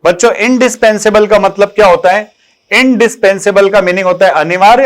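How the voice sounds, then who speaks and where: A man's voice: sits high, a bit bright. A man teaching English vocabulary in Hindi in an online exam-prep lesson, calling his students "beta" and posing questions he answers himself. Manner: addresses students fondly as "beta" and "bachche", asks and answers his own questions.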